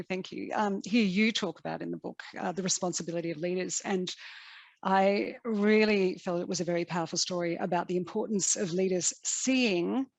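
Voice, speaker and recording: A woman's voice: on the low side, creaky, dry recording. A woman hosting an interview, asking chatty, loosely worded questions. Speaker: interview host.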